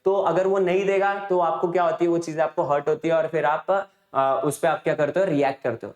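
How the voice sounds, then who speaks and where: A teacher retells a chapter's story for exam revision, chatting conversationally and tossing in frequent rhetorical questions. The voice is medium-pitched, flat and a little fast, with a darkish tone and cut-off highs, recorded with a roomy echo.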